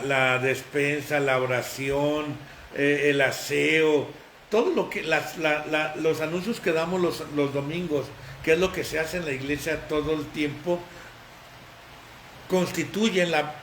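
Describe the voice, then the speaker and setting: A man's voice: a little high, a bit bright. A man, a pastor, preaching an informal sermon, emphatic and repetitive, chatting and laughing with the people near him. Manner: emphatic, repeats phrases, chats and laughs with those present. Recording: echoey room with faint noise.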